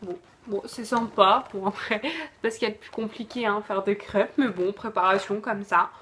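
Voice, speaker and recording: A woman's voice: medium pitch, normal speed, fairly bright tone, a little hiss or hum. A woman reviewing a food subscription box in casual chat, hesitant, with lots of fillers and self-corrections. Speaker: unboxing vlogger.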